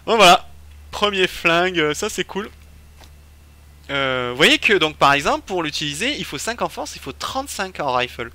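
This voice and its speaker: Casual, chatty streamer man, bright voice. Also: high-pitched, sing-song, normal speed. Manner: thinking aloud, many fillers. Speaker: game streamer. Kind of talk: casual let's-play commentary.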